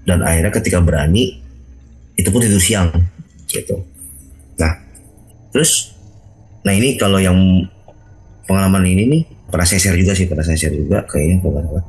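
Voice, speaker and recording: A man hosting a video call, casually telling his own ghost story in an animated way, acting out sounds with big jumps in his voice. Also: deep voice, normal speed, pauses often, soft background music, low-quality recording.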